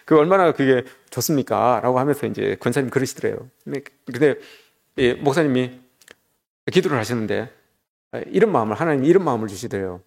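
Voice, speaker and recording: A man's voice: medium pitch, animated, fairly quick, creaky. A man preaching a sermon, telling a story and speaking directly to his congregation. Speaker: pastor.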